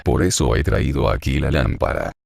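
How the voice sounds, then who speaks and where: A man's voice: extremely low pitch, moderate pace, creaky, darkish tone, no room sound, clean studio sound, exaggerated voice. A man reading a grieving old man, hollow voice. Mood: tender, dazed. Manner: hollow, murmuring, talks to himself. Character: grieving, confused old man, muttering to himself. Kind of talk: audiobook reading.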